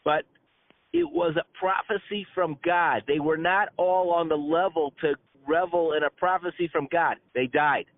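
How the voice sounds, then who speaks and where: Over a tinny, narrow-band conference call line, a rabbi teaches an informal religious class at normal speed, his voice on the high side with lively intonation. He tells his stories conversationally, stammering into repetitions and dropping colloquial asides.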